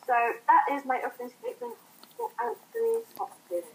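A woman with a high, bright-sounding voice argues her side in a friendly debate. She talks with eager enthusiasm, rambling and filling gaps with ums. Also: sing-song, brisk, vocal fry, low-quality recording. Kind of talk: casual debate podcast.

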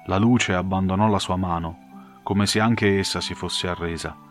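A man narrating a fantasy audiobook in a measured, dramatic storytelling manner. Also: low voice, fairly even intonation, faint music behind.

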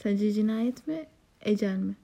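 A woman's voice: mid-range voice, animated, a little slow, vocal fry, mellow, lo-fi sound. A young woman co-hosting a podcast in casual chat, telling stories playfully and teasing. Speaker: podcast co-host.

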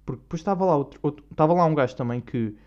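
A man's voice: on the high side, very fast. A young man with a European Portuguese accent, hosting a podcast in a rambling, slang-heavy casual monologue. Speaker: podcast host. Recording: dull lo-fi recording.

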